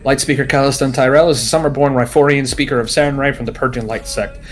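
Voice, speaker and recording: A man's voice: mid-range voice, fairly even intonation, fast talker. A man running a tabletop role-play game, narrating and speaking as a wry shop owner. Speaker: game master.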